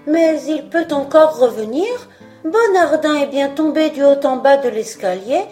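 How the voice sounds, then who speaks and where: A woman's voice: sits high, animated, measured pace, warm tone, soft background music, voice pushed up. A woman voicing a proud young fir tree who muses wistfully about his past. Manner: wistful, self-assured musing.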